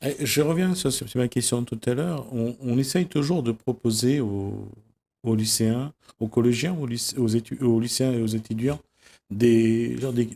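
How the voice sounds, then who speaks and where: Gravelly-voiced man hosting an interview. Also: medium pitch, warm tone. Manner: hesitant, halting questions. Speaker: TV host. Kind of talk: studio interview.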